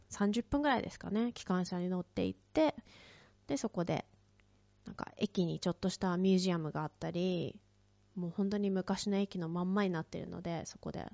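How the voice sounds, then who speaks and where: With a lowish, creaky, somewhat mellow voice, a woman tells a relaxed, chatty story full of fillers and frequent soft laughter. Whenever she quotes someone she performs the line louder, and the close, dry, lo-fi recording sounds dull and has no room sound.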